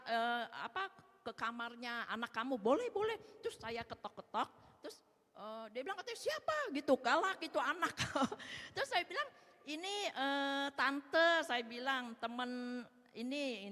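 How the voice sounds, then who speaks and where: High bright woman giving testimony. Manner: retells a talk, acting out both sides of the dialogue. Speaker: church member giving testimony. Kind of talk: personal testimony to a congregation. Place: church hall. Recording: long reverb of a large hall.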